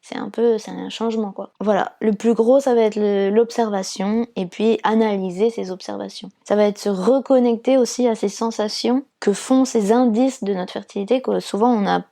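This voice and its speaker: A woman's voice: mid-range voice, fairly even intonation, normal speed, vocal fry, hardly any pauses, mellow. A woman from France, a fertility awareness counsellor, explaining her work patiently step by step in an interview, with frequent fillers.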